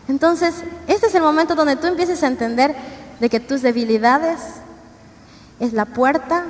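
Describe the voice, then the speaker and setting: High-voiced woman preaching in a hall. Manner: earnest, conversational, asks the congregation questions. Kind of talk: sermon testimony. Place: church. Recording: church hall reverb, faint ambient noise.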